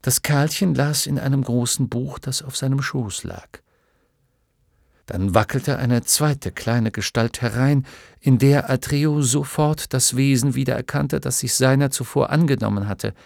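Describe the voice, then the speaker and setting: A man narrating an audiobook in a measured storytelling manner, recorded on a studio microphone. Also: medium pitch, vocal fry, a little mellow, no room sound. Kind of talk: scripted narration.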